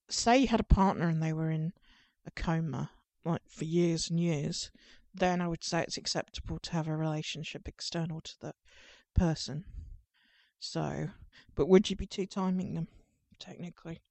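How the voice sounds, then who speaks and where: A woman's voice: fairly low pitch, moderate pace, darkish tone, no echo. An Englishwoman from Ipswich hosting a casual chat, rambling and teasing in a playful way. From England, Ipswich. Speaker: podcast host.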